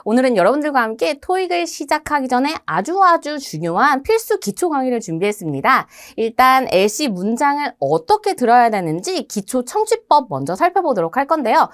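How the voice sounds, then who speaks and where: Young woman instructor, high bright voice, very animated, studio lecture, asks herself questions. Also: fairly quick, hardly any pauses. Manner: animated teacherly delivery, rhetorical questions answered herself. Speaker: TOEIC listening instructor. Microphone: studio microphone.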